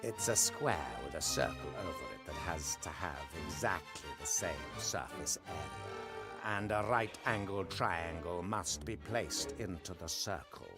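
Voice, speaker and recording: Deep, slow, pedantic occult expert. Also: male voice, animated, over loud music. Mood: matter-of-fact. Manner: deliberate, lecturing, emphatic. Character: self-assured, pedantic male ghost-trapping expert. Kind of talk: acted adventure game dialogue.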